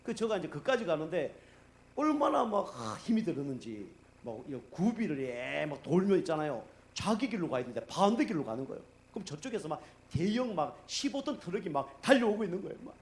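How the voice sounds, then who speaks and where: A middle-aged man preaching as a pastor in a church, telling stories in a casual, animated way and acting out the people he quotes. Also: fairly high pitch, fairly quick. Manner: animated, acts out quoted speech, many fillers. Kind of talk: conversational sermon storytelling. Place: church sanctuary.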